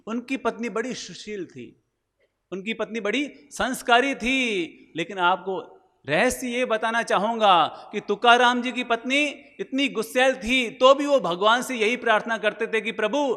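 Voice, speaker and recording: High, bright-voiced male preacher in a hall. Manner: storytelling, rhetorical questions, acts out anecdotes. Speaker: Jain monk preacher. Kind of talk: sermon. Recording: long hall reverb.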